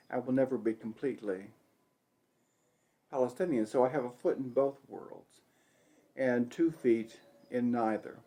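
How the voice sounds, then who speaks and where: Older American man, documentary interviewee, plainspoken storyteller, soft trailing endings. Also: mid-range voice, vocal fry. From United States. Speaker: teacher.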